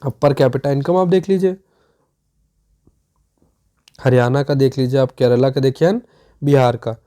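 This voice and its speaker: A teacher giving a step-by-step exam revision lesson. The teacher often pauses to check that students follow. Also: mid-range voice, mellow. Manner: explains step by step with many checks for understanding.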